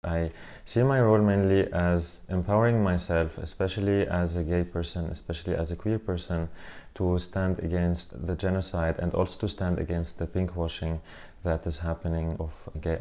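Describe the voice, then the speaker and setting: A man in his thirties from southern Lebanon, speaking earnestly in a measured filmed interview, pausing with fillers as he gathers his thoughts. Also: deep voice, darkish tone. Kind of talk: personal testimony interview.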